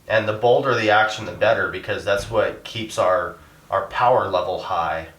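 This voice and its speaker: Halting activist interviewee, man, low voice, choked up, recorded from a distance in an echoey room. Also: a bit bright. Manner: halting, many fillers, voice rising when upset. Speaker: interviewee, animal rights activist. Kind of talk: emotional interview.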